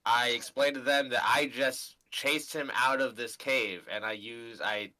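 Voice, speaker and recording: A man's voice: medium pitch, fairly even intonation, a little slow, sharp tone, poor audio. A man playing a tabletop game, bantering casually with crude jokes. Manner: crude, joking. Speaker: player.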